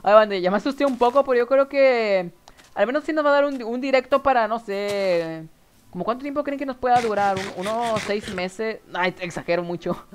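A young man with a northern Mexican accent streams a game and chats casually with viewers, rambling and giggling nervously. His voice is very high-pitched and clean.

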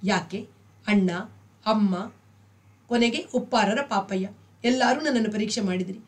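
A woman reading a novel aloud, voicing an aloof man who answers in a flat, matter-of-fact way. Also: mid-range voice, measured pace, recorded from a distance, natural voice.

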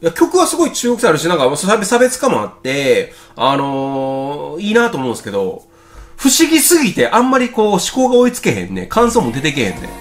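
A man with a Kansai accent giving casual, excitable reaction commentary as host, thinking aloud and exclaiming often. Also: fairly high pitch, a little fast. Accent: Kansai Japanese. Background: faint music video playing.

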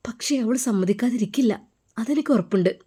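A woman voicing a kind, motherly wife who coaxes gently but stays firm. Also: fairly high pitch, brisk, husky. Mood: quietly firm. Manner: warm, coaxing, firm.

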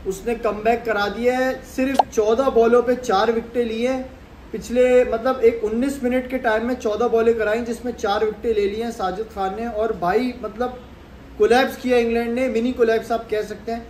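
A man's voice: extremely high pitch, level tone, normal speed, a little mellow. A young man from Pakistan, chatting casually about cricket to camera from a sofa at home, talking with his hands. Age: young adult. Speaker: cricket vlogger. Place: sitting on a sofa in a small room at home. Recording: echoey room with faint background hum.

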